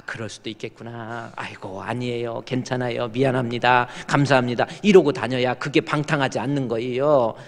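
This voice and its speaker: Male pastor preaching in a reverberant church. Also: medium pitch. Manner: folksy storytelling, quotes others, coaxes congregation to respond. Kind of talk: sermon. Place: church sanctuary. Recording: long reverb of a church hall.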